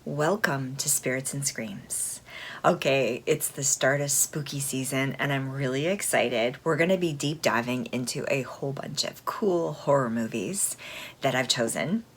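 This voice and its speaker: A woman's voice: extremely low pitch, normal speed. A woman hosting a film review vlog, chatting informally and enthusiastically to her viewers, with a fan running behind her. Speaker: host of a horror film review channel. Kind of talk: casual chat to viewers. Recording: steady fan noise behind the voice.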